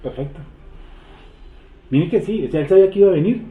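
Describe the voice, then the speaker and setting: A man leading a Bible study, quizzing the seated group and repeating verses slowly. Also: sits high, expressive. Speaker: Bible teacher. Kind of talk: interactive Bible study teaching. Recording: echoey room over a tinny phone-like line.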